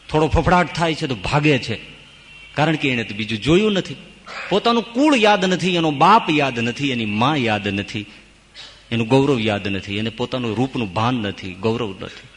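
A man's voice: lively intonation, moderate pace, a little hiss or hum. Dramatic male monk preaching in a hall. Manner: dramatic, swinging between loud exclamations and hushed lows. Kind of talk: devotional sermon storytelling.

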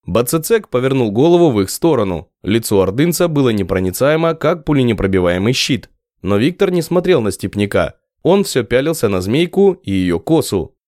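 A man narrating an audiobook in a lively storytelling manner. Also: medium pitch, moderate pace, no room sound, studio quality. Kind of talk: scripted narration.

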